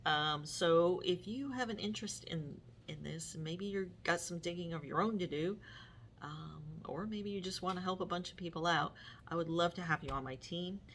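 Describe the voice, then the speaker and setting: A woman's voice: lowish voice, normal speed, a bit bright, a little hiss or hum. A middle-aged woman hosting her own vlog, talking casually to viewers with many fillers and restarts. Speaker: vlog host. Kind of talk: casual talk to camera.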